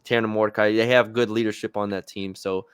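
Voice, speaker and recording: A man's voice: on the low side, level tone, fairly quick, clear, resonant tone, dry recording, clean studio sound. A man co-hosting a sports podcast, chatting casually about football picks with fillers and restarts. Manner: conversational, hesitant with fillers and restarts.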